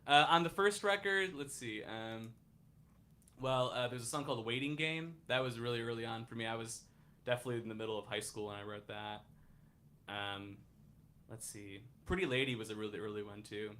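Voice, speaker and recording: A man in his thirties, a musician guest talking casually, often halting and restarting. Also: mid-range voice, pushed and bright, slight background noise. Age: 30s. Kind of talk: casual chat.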